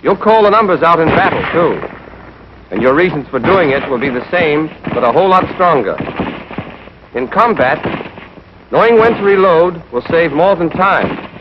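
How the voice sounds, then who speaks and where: On a dull, band-limited old training film soundtrack with noisy background, an American man narrates as an instructor at normal speed. His voice is a little high and animated, and he speaks directly to the trainees in a scripted, instructional way.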